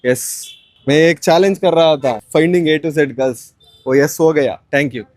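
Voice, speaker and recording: A man's voice: fairly high pitch, normal speed, a little mellow, no echo. A man vlogging outdoors on a shopping street, stopping strangers politely and chatting to his viewers. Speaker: vlogger doing a street challenge. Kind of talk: casual street vlog, talking to camera and strangers.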